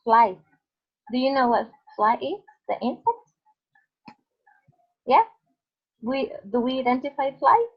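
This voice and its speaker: Slow, high-voiced woman teaching online. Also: very animated, breathy edge. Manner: patient, explains slowly with many fillers. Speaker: English teacher. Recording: dull lo-fi online call audio.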